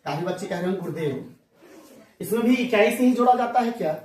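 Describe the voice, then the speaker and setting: High-voiced man teaching in an echoey room. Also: lively intonation, brisk, darkish tone. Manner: folksy, asks the class questions and answers them himself. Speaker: math teacher. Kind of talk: classroom math lesson. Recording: echoey room, mic far off.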